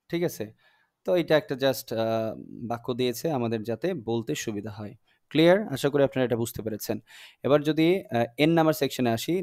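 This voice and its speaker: A man's voice: mid-range voice, darkish tone, no echo, clean studio sound. Patient man teaching a lesson. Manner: patient, repeats sounds slowly for drilling. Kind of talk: classroom lesson explanation.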